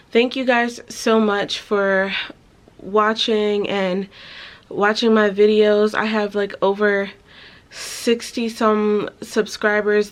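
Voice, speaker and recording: Flat-toned woman closing her vlog. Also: mid-range voice. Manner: chatty, repeats thanks to viewers. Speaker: vlogger. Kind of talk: casual vlog outro.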